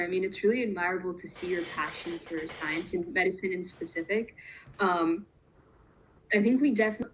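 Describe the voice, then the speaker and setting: A woman's voice: on the low side, slight background noise, rough recording. A woman hosting an online Q&A, upbeat and enthusiastic as she introduces and responds to her guest. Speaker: interview host.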